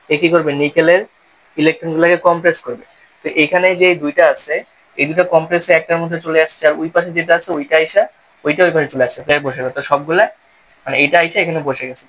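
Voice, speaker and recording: Man, rapid delivery, slightly high voice, step-by-step teaching. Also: steady tone, a bit bright, slight background noise, poor audio. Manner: explaining step by step, asks and answers own questions. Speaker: chemistry teacher. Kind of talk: classroom-style lesson.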